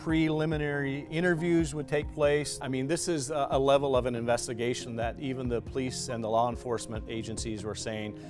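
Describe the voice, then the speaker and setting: A man who is a police chaplain earnestly explaining events in a halting way, with fillers. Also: mid-range voice, steady tone, over music. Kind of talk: news interview clip.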